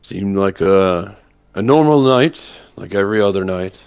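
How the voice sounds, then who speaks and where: A man playing a terse, unhelpful villager in a tabletop game, answering in a deadpan, curt way. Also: deep voice, measured pace, clean tone, soft background music.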